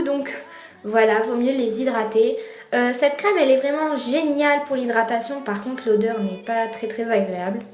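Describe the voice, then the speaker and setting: A young woman giving a casual, hesitant voice-over of her routine, with many fillers. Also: a little high. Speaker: beauty vlogger. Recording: voice-over with faint music behind.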